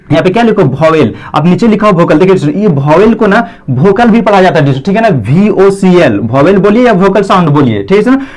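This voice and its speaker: A young man teaching an English grammar lesson, repeating his fillers and addressing the students again and again. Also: high voice.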